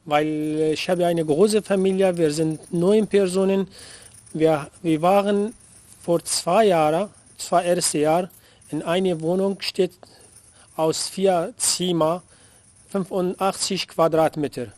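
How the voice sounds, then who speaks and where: Man from Syria, higher voice, slow and careful, dry sound. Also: fairly even intonation, a little mellow, dry recording. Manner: careful, halting. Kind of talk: interview statement.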